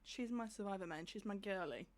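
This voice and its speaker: A woman's voice: mid-range voice, brisk, a crowd in the background. A young woman hosting a casual podcast chat, giggly and encouraging toward her guest. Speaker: podcast host.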